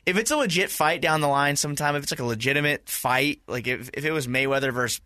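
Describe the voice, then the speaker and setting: Fast-talking bright-voiced male co-host. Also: fairly high pitch, no echo, clean studio sound. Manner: quick, animated storyteller. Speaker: podcast co-host. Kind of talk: casual sports podcast chat. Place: radio station studio. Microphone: studio microphone.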